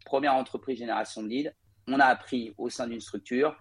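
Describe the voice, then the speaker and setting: This Paris-born real estate cofounder sounds mid-range, husky and fairly bright, talking a little fast in an even tone with no echo. Appearing as an interview guest, he recounts his career fluently, though he leans on frequent hesitation fillers.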